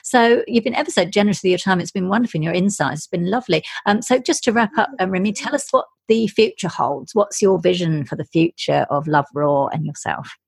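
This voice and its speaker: A woman's voice: on the low side, fairly quick, creaky, hardly any pauses, breathy edge, dry recording. A woman hosting a conversational interview in an effusive, affirming way. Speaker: podcast interviewer.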